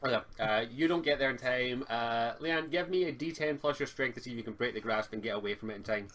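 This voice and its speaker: On an amateur online recording, a man improvises narration as a tabletop game master, talking casually and haltingly with the occasional swear. His voice is medium in pitch with a fairly bright tone.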